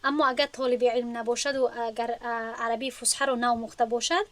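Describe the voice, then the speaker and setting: A woman's voice: a little high, steady tone. A woman, lecturing her students in an earnest, instructive way and often restating her points. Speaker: teacher at an Islamic school for women.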